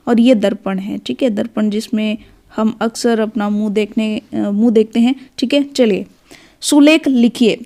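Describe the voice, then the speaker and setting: Patient, high-voiced woman teacher. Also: warm tone. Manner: patient, repeats each word slowly and clearly. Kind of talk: children's Hindi phonics lesson.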